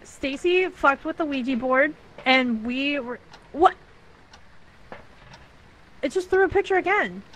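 A woman with a slightly high voice chats excitedly while playing a ghost-hunting game with friends. She walks the others through the game's rules, talking quickly. Faint background noise runs under her speech. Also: poor audio. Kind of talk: casual gaming chat.

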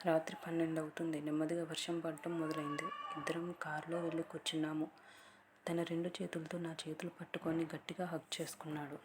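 Low, flat-voiced woman telling a love story. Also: noisy background. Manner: soft, slow, partly whispered reading. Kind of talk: first-person story narration.

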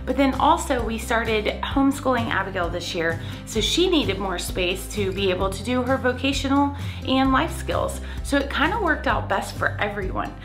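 A woman's voice: on the high side, animated, moderate pace, over music. A woman in her forties, chatty and enthusiastic, giving a casual home office tour to a handheld camera. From Florida. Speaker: vlogger host. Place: home office, indoors, small room. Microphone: handheld camera at arm's length.

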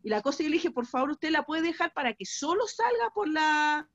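A woman with a Chilean accent, a participant in an online training, tells an animated story and often quotes voices. Her voice sits a little high. The audio sounds dull and lo-fi, like an online call. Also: a little fast. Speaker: workshop participant.

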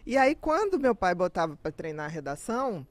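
A woman with a Brazilian Portuguese accent chats as a podcast guest, telling stories in an animated way and slipping into the voices of the people she describes. Her voice is close and dry, with no room sound around it. She laughs easily between her points. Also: lowish voice, fairly quick, no room sound. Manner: lively storyteller who acts out family members and laughs often. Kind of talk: casual interview chat.

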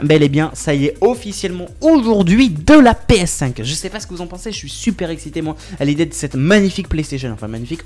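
A man's voice: a little high, a little mellow. A man in his twenties from southwest France, talking casually through tech news for his viewers with many hesitations and restarts. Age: 20s. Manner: chatty, hesitant, full of filler sounds and restarts; addresses viewers as friends. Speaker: tech YouTuber.

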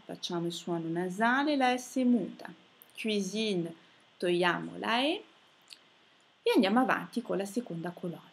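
Slow, husky woman teaching phonetics. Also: on the low side. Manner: slow, carefully spelling out sounds and silent letters. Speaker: French teacher. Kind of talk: slow phonetics lesson for students.

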